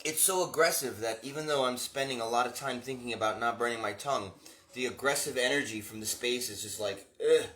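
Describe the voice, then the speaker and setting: A man's voice: mid-range voice, fairly quick, bright, forceful tone. A man rambling wryly in a monologue, as if talking to himself. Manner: wry, rambling, talks to himself. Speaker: vlogger. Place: room indoors. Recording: roomy echo.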